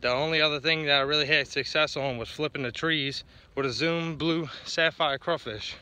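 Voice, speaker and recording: A man's voice: a little high, fairly even intonation, normal speed, bright, forceful tone, clear, resonant tone. A man, chatting casually to the camera while fishing on a windy lakeshore, rambling and talking to himself between casts. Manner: laid-back, rambling, talks to himself while casting. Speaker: fishing vlogger. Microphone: action camera, head-mounted and handheld. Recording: background music under the voice.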